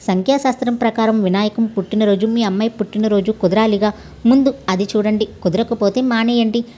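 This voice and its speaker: Woman reading a brash, quick-tempered young man who shouts threats. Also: mid-range voice, steady tone, close to an everyday voice. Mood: heated. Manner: loud, blustering.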